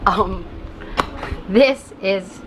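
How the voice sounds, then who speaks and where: A woman's voice: mid-range voice, drawn-out words, background noise. A young woman from the Philippines chatting casually as a travel vlogger, playful and easily delighted. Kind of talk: casual travel vlog narration.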